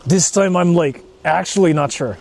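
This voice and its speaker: A Japanese man, a native Japanese speaker, hosts a live stream while walking through the countryside, chatting casually, thinking aloud, repeating himself, exclaiming and swearing now and then. His voice sits on the high side with a darkish tone and vocal fry, at a moderate pace. The outdoor stream is noisy, with passing vehicles audible.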